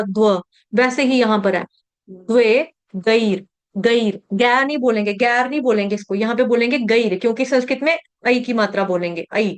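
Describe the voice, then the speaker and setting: A middle-aged woman teaching Sanskrit verse recitation in an online class. She chants the verse in slow, drawn-out syllables, then explains pronunciation in quick conversational asides over a video call. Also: a little high.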